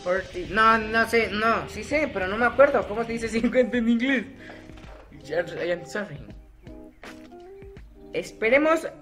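A man's voice: very high voice, normal speed, few pauses, bright, forceful tone, soft background music. A young man giving casual, self-mocking gameplay commentary, chatty and laughing often. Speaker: gaming YouTuber.

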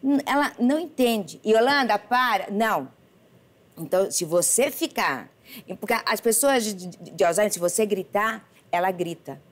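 A woman's voice: mid-range voice, animated. Middle-aged woman guest, stops and restarts a lot, acts out what people said, chatty interview. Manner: halting, repeats words, acts out quoted dialogue. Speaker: celebrity guest. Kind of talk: casual interview talk.

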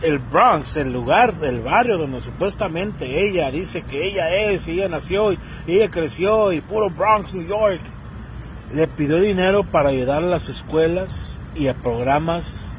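Outdoors, a Mexican vlogger in his thirties with a Mexican Spanish accent delivers a casual commentary rant into his phone's selfie camera. His fairly high voice mixes slang with impressions of the people he quotes, over a faint traffic hum in a rough recording.

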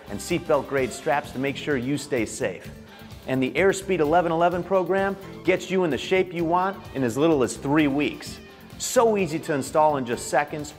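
Upbeat male commercial announcer. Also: on the high side. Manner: upbeat selling. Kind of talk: scripted commercial voice-over.

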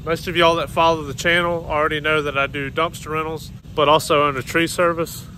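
A folksy man in his thirties with a fairly high voice talks a little fast about his dumpster rental and tree service business, saying "y'all" as he stands outdoors at a job site. He holds a phone at arm's length, and the relaxed vlog audio picks up faint background noise.

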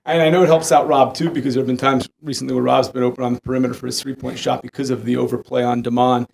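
A man's voice: mid-range voice, level tone, very fast, creaky, darkish tone, slight background noise. A man interviewing players after a game, asking long, wordy questions. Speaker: team media interviewer. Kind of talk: postgame press questions.

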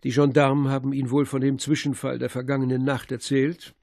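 A man voicing a commanding middle-aged police commissioner in an audiobook, brisk and assured as he gives orders. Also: mid-range voice, little pitch movement, creaky, a little mellow, no room sound, clean studio sound, natural voice. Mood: jovial. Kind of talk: audiobook character voice.

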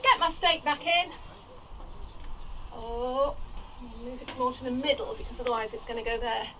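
Potting plants in a small greenhouse, a woman with a high, fairly bright voice chats at a moderate pace and thinks aloud as she goes. She's an allotment vlogger making a casual gardening vlog, filmed on a nearby tripod camera; the audio is poor, with a little hiss or hum.

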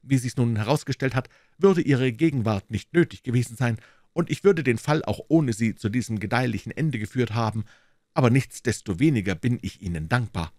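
A man voicing a stern young male police inspector who questions with sharp demands, in a storybook reading. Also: medium pitch, expressive, fairly quick, no room sound, clean studio sound, pitched above the performer's own voice, natural voice. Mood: curt.

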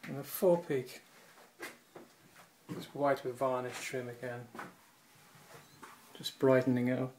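A man giving a relaxed, offhand walkthrough of his boat, pausing with the odd uh, recorded on a handheld camera in a shed and a small cabin. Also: mid-range voice, a little hiss or hum, low-quality recording. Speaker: boat owner giving a tour. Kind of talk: casual walkthrough narration. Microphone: handheld camera or phone.

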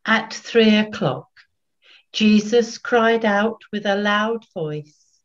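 Slow, solemn older woman reading. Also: medium pitch. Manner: measured, deliberate. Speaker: scripture reader, narrator. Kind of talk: solemn scripted Bible reading. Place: small room at home. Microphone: video call, computer at arm's length. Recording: dull webcam video call audio.

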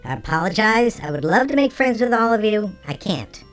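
A game streamer talking through a voice changer that shifts the pitch, chatting casually with viewers while playing. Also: very animated, fairly quick, faint music behind. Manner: chatty, talks to chat between game actions. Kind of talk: casual let's-play chat with viewers.

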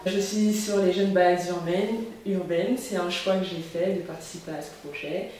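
A woman's voice: lowish voice, fairly even intonation, moderate pace, warm tone. A twenty-one-year-old intern talks about her project, hesitating often. She is heard from a distance. The room around her is very echoey. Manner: hesitant, fillers. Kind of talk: interview answer.

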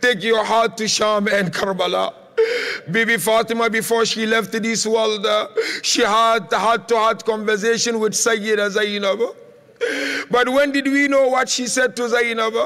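A man's voice: high voice, steady tone, measured pace, pushed and bright. A man preaching a mournful sermon in a large hall, half chanting and half sobbing as he recounts a lament. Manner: chanting, tearful lament with sung and sobbing lines. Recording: long hall reverb.

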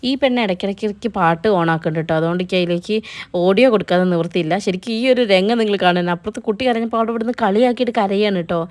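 A young woman talks quickly through a casual vlog voice-over, chatty and direct with her viewers. Her pitch sits in an ordinary middle range. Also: a little mellow. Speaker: vlogger narrating.

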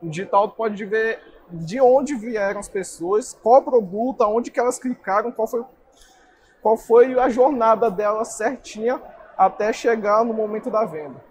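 His voice sits high and his delivery is a little slow as the young man, a guest being interviewed at an indoor trade fair booth, earnestly talks through marketing. Faint background noise can be heard.

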